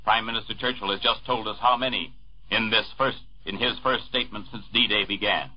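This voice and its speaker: A man reads the news in a formal, measured tone, his voice husky and slightly breathy. It comes through a dull, muffled 1940s radio broadcast recording, with the top end rolled off. He is a studio newscaster delivering bulletins. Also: lowish voice, steady tone. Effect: old 1940s radio broadcast recording.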